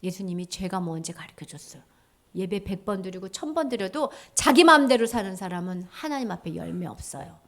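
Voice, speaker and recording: A woman junior pastor telling a story in a sermon, in an animated way, acting out the characters' voices. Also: medium pitch, brisk.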